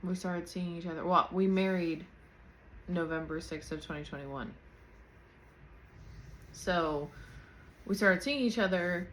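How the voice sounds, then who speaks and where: Audio quality is poor, with a little hiss or hum, because this thirty-year-old podcast host is recorded by her camera's built-in mic while her external mic sits unplugged. At home in pajamas, she talks candidly and unscripted, laughing lightly at times. Her voice is lowish and a bit bright.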